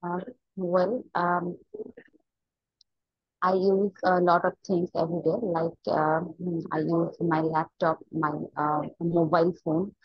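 A woman from Bangladesh with a lowish, slightly husky voice answers test questions, pausing often with fillers. The sound is dry and a little dull. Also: little pitch movement, no room sound. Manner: hesitant, many fillers. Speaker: test candidate. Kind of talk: mock exam answers.

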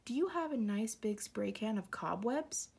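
A woman's voice: on the high side, expressive, moderate pace, gravelly, darkish tone, husky, exaggerated voice. A woman voicing an eager father bear who gets carried away with holiday plans, reading him in a storybook.

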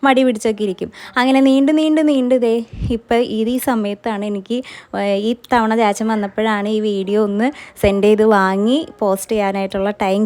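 A woman's voice: medium pitch, darkish tone. A young woman from Kerala chatting casually to the camera as a family vlogger, rambling through her story.

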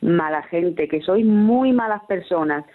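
A woman's voice: on the low side, animated, measured pace, a little hiss or hum. A woman leaving a hostile, insulting voicemail message, played back over a phone line.

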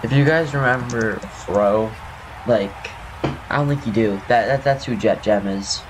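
Young guy, scratchy just-woke-up voice, mid pitch, rambling gameplay commentary, faint background hiss. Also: a little slow. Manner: rambling, self-correcting, apologetic. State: scratchy morning voice. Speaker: gaming youtuber.

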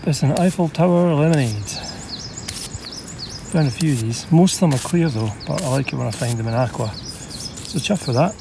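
A man's voice: fairly high pitch, background noise. A Scottish man talking casually to camera while digging for old bottles outdoors, chatty and enthusiastic, thinking aloud. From Scotland. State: out of breath at times. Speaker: bottle digger and vlogger. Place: outdoor dig site.

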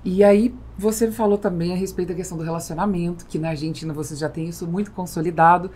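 Speaking close to a boom-arm podcast mic in a small foam-lined studio, a middle-aged woman with a Brazilian accent hosts a conversational interview. Her voice sits lowish and warm, fast but fairly even in intonation. There's a little hiss or hum.

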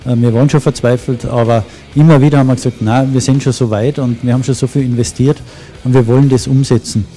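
A man's voice: mid-range voice, fairly even intonation, fast, warm tone. A middle-aged man, speaking earnestly and heartfelt in an interview at an indoor event, handheld mic. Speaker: project initiator.

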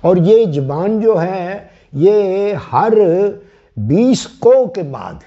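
Slow, sing-song man. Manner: slow, rambling storyteller with lively swings in pitch. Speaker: comic village character in a health talk. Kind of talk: rustic comic banter. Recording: dull lo-fi sound.

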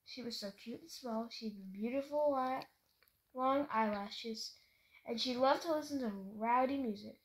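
At normal speed and a fairly high pitch, a woman gives a children's story a playful, sing-song reading that plays up the rhymes. The setting is a home bedroom. Captured on home video, the sound is poor, with noticeable background noise.

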